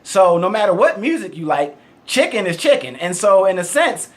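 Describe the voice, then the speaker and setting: A man's voice: high-pitched, very animated, normal speed. A man with a heavy Baltimore accent, joking and boasting with frequent laughs in a casual casting interview. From Baltimore, Maryland, USA. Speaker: game show contestant hopeful. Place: casting room in Las Vegas.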